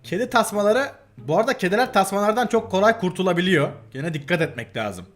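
A man's voice: high-pitched, expressive, fast, a bit bright. A young man casually reacting to animal videos for his channel, giggling often and gushing over how cute they are.

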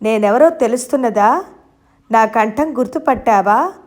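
A woman narrator voicing a tender, anxious man who speaks gently and in a hushed way in a storybook reading. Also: a little high, unhurried, lightly acted.

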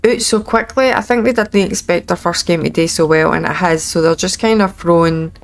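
A Scottish woman in her thirties hosts a casual let's play, giving chatty, wry, informal commentary as she plays. She speaks briskly in a fairly low pitch.

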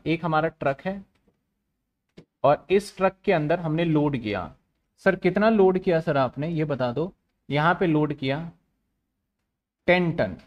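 A man's voice: fairly high pitch, highs cut off. A man teaches an online commerce class. He walks through a worked example step by step, repeating phrases and asking questions aloud before answering them himself. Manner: repetitive, asks and answers his own questions.

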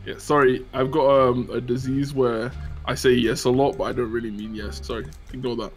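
A man's voice: medium pitch, little pitch movement, fairly quick, faint music behind. A man hosting a gaming video, teasing his teammate with mock-serious jokes and breaking into laughter. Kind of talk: playful gaming chat with pranks.

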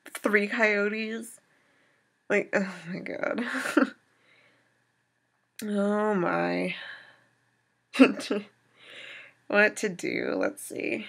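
A young woman playing a text game, giving casual let's play commentary with expressive, laughing reactions and mild swearing. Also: mid-range voice, creaky. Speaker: game streamer.

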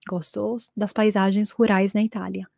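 A woman's voice: mid-range voice, little pitch movement, moderate pace, creaky, a little mellow, dry recording, studio quality. A woman from Italy, a native Italian speaker, teaching a chatty live lesson and acting out quoted dialogue.

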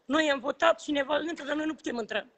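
A man records himself on a phone at the entrance to a government building, a protesting citizen venting a heated complaint to camera. He is indignant and repetitive, exclaiming as he goes, in a very high-pitched, fairly bright voice. The hall is echoey, with faint ambience.

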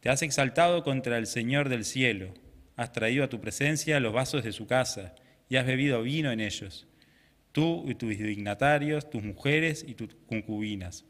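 A young man serving as lector, reading scripture at Mass in a measured, solemn way. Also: medium pitch, fairly bright tone. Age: young adult. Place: small chapel, indoors. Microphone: microphone at a lectern. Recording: reverberant chapel sound.

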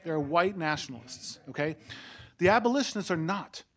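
A man's voice: fairly high pitch, lively intonation, normal speed. A man in his forties on an academic panel, explaining history in a lecturing way with restarts and tag questions. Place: seminar room with a panel table and audience. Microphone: table mic on a stand.

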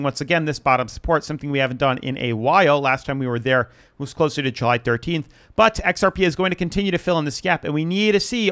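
A young man with a slightly high voice talks viewers through crypto charts in a steady, explanatory way. He is a little short of breath as he goes, speaking casually straight to his audience. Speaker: crypto market commentator. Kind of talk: casual market analysis to camera.

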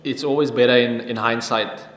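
A man in his thirties answering questions at a post-match press conference at a table mic, even-toned and halting with frequent restarts. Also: medium pitch. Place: press conference room with sponsor backdrop. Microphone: table microphone. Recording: echoey room with long reverb.

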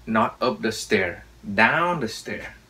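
A man playing a hurried young man asking the way to a toilet in an English practice dialogue. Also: on the low side, animated, bright, forceful tone, recorded from a distance, heavily acted. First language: Vietnamese. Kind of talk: English dialogue role-play.

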